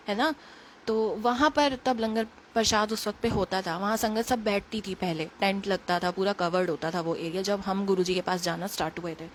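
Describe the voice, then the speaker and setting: A woman with a Delhi accent telling an emotional personal story in quick, earnest casual speech, recorded on a phone. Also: mid-range voice, slight background noise. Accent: Delhi Hindi. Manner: earnest, emotional, quick retelling with quoted dialogue. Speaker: devotee sharing a testimony.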